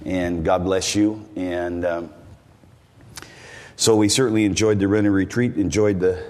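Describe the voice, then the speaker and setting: A visiting preacher, an older American man, delivers a sermon in a relaxed, folksy, unhurried way, rambling through side stories and putting questions to the congregation. His very low voice rings with a long reverb, like in a large church hall.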